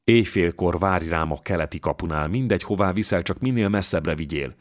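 A man's voice: sits low, close to an everyday voice. A man reading an audiobook voices a humiliated young bride who pleads in an urgent whisper. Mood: desperate.

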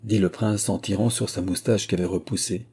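A man narrating a classic novel aloud in calm, even storytelling. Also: fairly low pitch, moderate pace, breathy edge. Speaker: audiobook reader.

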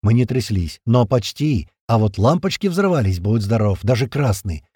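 Guy reading an action audiobook, slangy and rough, lively pitch, dark dry voice. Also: moderate pace, no echo. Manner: colloquial, rough-spoken, vivid. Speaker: audiobook narrator. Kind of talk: first-person audiobook narration.

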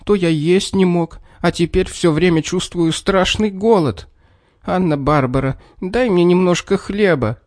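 A man voicing a tiny bald little man with a scraggly beard, in a high strained voice. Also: measured pace, darkish tone, no room sound, studio quality. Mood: weary.

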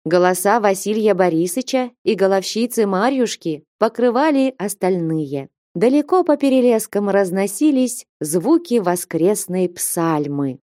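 A woman reading a classic novel aloud as an expressive audiobook narrator. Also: medium pitch, a little slow, few pauses, no room sound, clean studio sound.

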